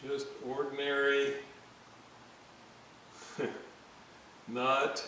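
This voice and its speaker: Working at a bench indoors, a man with a mid-range voice talks through a hands-on electronics restoration for a repair video, hesitant and halting, thinking out loud in a casual way. The recording is distant and highly reverberant, with constant audible hiss.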